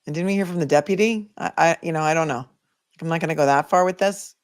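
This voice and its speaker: A deep-voiced woman with a Boston accent talks fast while hosting a legal livestream. Casual and opinionated, she thinks aloud as she works through comments from viewers.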